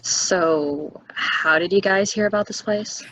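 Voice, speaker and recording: At a stage play table reading, a woman with a mid-range voice plays a calm, solitary young local who relays things in an unhurried, matter-of-fact manner. She sounds gently curious. The audio is poor, though there's no room sound.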